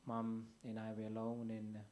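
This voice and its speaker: Young man from Fiji, flat monotone, dark mellow tone, hesitant soft-spoken testimony. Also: fairly low pitch, moderate pace, a little hiss or hum. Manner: hesitant, many fillers and restarts, soft-spoken. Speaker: guest. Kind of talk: personal testimony.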